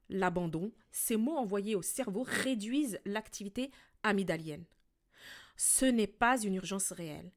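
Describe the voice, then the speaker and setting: A woman hosts a relationship podcast, delivering a scripted monologue as a coach. She speaks calmly and directly to the listener at a medium pitch.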